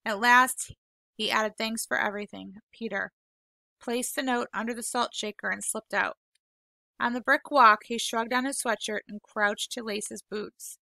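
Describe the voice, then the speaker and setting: A woman teacher reading a novel aloud to her class, unhurried and gentle, apologizing now and then when she stumbles over words. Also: on the high side, steady tone, creaky, no echo. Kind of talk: read-aloud storytelling.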